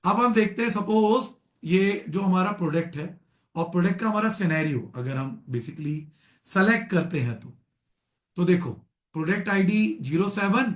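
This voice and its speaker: A man's voice: high-pitched, animated, moderate pace, echoey room. A man teaching a live online Excel class, often calling his students "beta" and checking that they follow.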